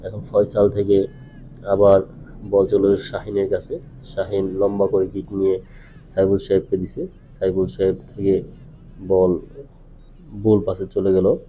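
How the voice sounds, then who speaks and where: Male amateur football commentator, very low voice, halting play-by-play with repeated names, dull lo-fi sound. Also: completely flat delivery, warm tone, slight background noise. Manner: halting, repetitive name-to-name calling with frequent drawn-out hesitations.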